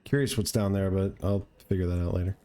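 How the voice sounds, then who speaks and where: A man's voice: sits low, fairly even intonation, fast talker, warm tone. A man giving casual commentary as he plays a video game, talking in a laid-back, rambling way. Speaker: gamer, let's play streamer.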